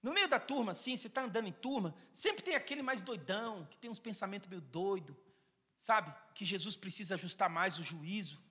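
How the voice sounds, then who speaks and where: High bright male pastor preaching, keeps asking the church stuff, echoey church hall. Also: animated, fairly quick. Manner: calls out to the congregation and home viewers. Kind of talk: sermon.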